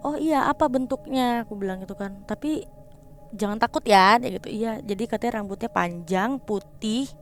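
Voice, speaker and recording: A young woman talking as a guest in a casual chat, telling her story in a lively way and acting out the people she quotes in changed voices, mixing slang with English words. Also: medium pitch, moderate pace, faint music behind. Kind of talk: casual storytelling of a ghost experience.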